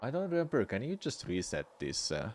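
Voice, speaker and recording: A man's voice: fairly low pitch, huge pitch swings, brisk, a little mellow, a little hiss or hum. A man talking casually as a speedrunner on a livestream, giving offhand, half-distracted replies while he plays. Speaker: speedrunner streaming live game attempts. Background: music.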